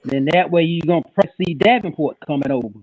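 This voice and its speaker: Male panelist dialing in on a video call with a shaky line; slightly high pitch, light background hiss, stammers and repeats. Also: fast, a little mellow, poor audio. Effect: joining remotely on a video call with a shaky connection. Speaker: football podcast panelist. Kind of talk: casual sports chat.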